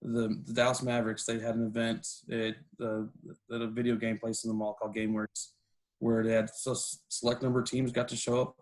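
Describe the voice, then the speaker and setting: A man chats as a guest in a casual interview. His voice is mid-pitched. He talks easily and often starts his sentences over. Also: a little fast, poor audio. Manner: relaxed, with frequent restarts and fillers.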